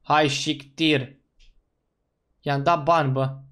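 A man giving let's-play commentary as a gaming YouTuber, excitable and slangy, breaking into loud whoops. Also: fairly high pitch, clear, resonant tone.

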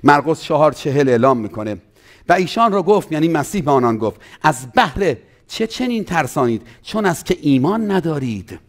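A man preaching a sermon as pastor, swinging between loud emphatic runs and quiet asides. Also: big pitch swings. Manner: preaching with sweeping pitch and loudness swings, acting out quoted doubters.

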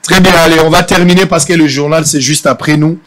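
A man's voice: fairly high pitch, steady tone, a little fast, fairly bright tone. A man interviewing a guest in a chatty way, often reeling off lists of names. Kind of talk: casual interview.

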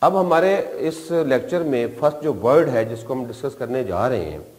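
A man's voice: mid-range voice, lively intonation, normal speed, darkish tone. A man from Pakistan with a Pakistani accent, teaching a shorthand class at a board, explaining patiently step by step and repeating key terms. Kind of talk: board lecture. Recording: long reverb in a hall-like room.

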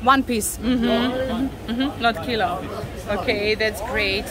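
A travel vlogger, a Russian woman with a Russian accent, strolls through a fish market in a casual walking vlog, chatting with sellers in halting English full of fillers. Her voice sits a little high, and the busy, crowded market murmurs all around.

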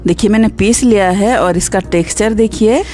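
A woman hosting a cooking channel, narrating a recipe step by step in a calm instructional voice-over. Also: medium pitch, moderate pace.

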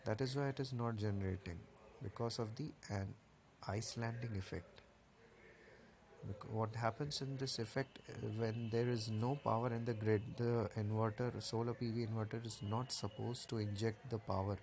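Low, gravelly man explaining a solar setup. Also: steady tone, normal speed, a little mellow, slight background noise. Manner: plain step-by-step explaining with fillers. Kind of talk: casual technical walkthrough. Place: outdoors at a rooftop solar installation.

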